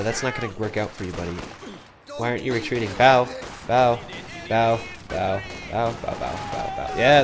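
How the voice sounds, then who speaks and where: A man with a low voice calls a strategy game match on his own, relaxed and chatty, thinking out loud and second-guessing his calls. Loud gunfire and artillery from the game sound behind him throughout. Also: background noise. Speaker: game caster. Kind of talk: solo esports play-by-play commentary.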